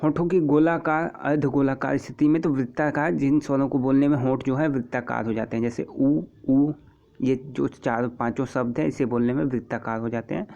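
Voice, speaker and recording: A man teaching an exam-prep lesson, patiently repeating terms and example sounds, with frequent throat clearing. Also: mid-range voice, steady tone, brisk, hardly any pauses, a little mellow. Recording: dull lo-fi recording.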